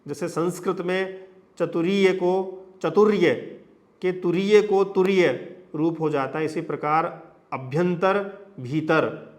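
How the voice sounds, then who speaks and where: A man's voice: high-pitched, takes it slowly. A man teaching a lesson on sound change, explaining step by step through long lists of examples and frequent tag questions. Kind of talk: lecture on phonetics.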